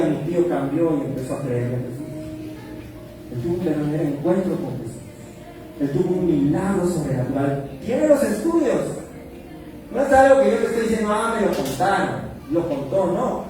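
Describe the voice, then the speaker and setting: A man's voice: high voice, moderate pace, noisy background. A man, a pastor telling a personal testimony in a sermon, recorded from a distance in a church hall with music behind. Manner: storytelling, animated when acting out quotes.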